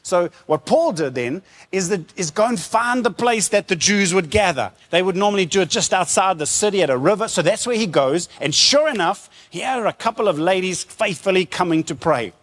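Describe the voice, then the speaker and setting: Using rhetorical questions, emphatic repetition and informal retelling, a man preaches in an animated storytelling style. His voice is high and brisk, with a big-room sound.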